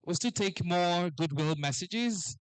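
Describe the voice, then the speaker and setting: A man hosting a live event as master of ceremonies, lively and forever calling for applause. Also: high-pitched, slow, clean tone, dry recording, rough recording. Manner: lively, keeps urging the crowd to applaud.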